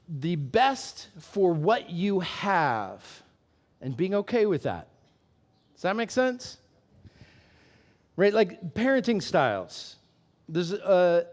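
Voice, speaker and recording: High-voiced man preaching casually. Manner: candid and self-deprecating, laughs often, asks the room questions. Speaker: pastor. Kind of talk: conversational sermon.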